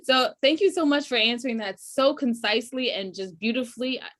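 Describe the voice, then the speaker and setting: A woman's voice: on the high side, fairly quick, fairly bright tone. A woman hosting an interview, bubbly and self-deprecating as she asks her questions. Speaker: interviewer, host. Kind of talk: interview chat.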